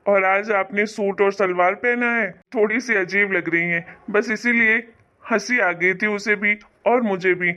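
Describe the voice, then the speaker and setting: Woman voicing a calm, patient young husband. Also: mid-range voice, measured pace, dull audio. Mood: soothing. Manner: soothing, apologetic. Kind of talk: cartoon story voice acting.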